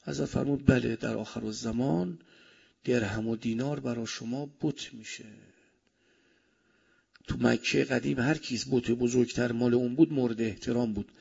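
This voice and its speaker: A male preacher with speech delivers a sermon with a gravelly, husky voice. He swings between loud emphasis and soft asides. The recording sounds dull and lo-fi. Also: medium pitch, steady tone.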